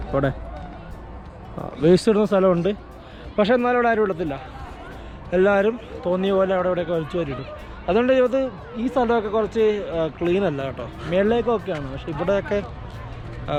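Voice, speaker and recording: A man's voice: high-pitched, highs cut off. A man casually narrating a travel vlog outdoors, mixing English words into Malayalam with enthusiastic slangy exclamations. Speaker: travel vlogger. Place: outdoors at a cold mountain tourist valley.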